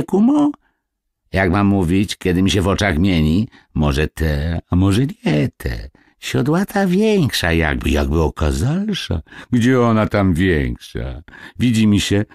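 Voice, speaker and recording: Old village women gossip and marvel in a rustic, sing-song way, as a man puts them on in a storybook. The voice swoops high and wide, and it sounds husky. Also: no echo, clean studio sound, exaggerated voice. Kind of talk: audiobook fairy-tale reading.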